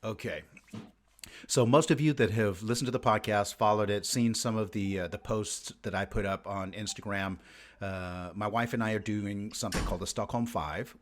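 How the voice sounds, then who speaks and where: Male podcast co-host, lowish voice, loose rambling delivery full of ums and restarts. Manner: rambling, many fillers and restarts. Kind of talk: casual podcast chat.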